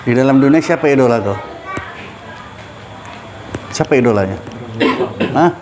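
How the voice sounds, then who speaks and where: A man's voice: mid-range voice, lively intonation, unhurried. A middle-aged man, a religious teacher, giving a casual study talk and asking his listeners questions. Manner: conversational, asks listeners questions.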